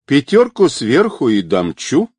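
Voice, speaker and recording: A man's voice: medium pitch, wildly swooping pitch, measured pace, darkish tone, slightly rough, no echo, voice pushed up, exaggerated voice. A man reading an audiobook, voicing a blunt, easily rattled middle-aged taxi driver. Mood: gruff.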